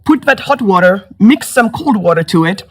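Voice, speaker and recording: A woman from Senegal, a guest in an interview, telling her life story in a lively, animated way, her voice rising when she gets excited. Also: medium pitch, moderate pace. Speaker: entrepreneur guest.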